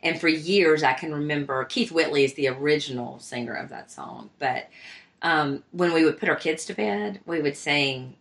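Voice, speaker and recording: Low-voiced middle-aged woman telling a story. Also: normal speed, a bit bright. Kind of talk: casual chat.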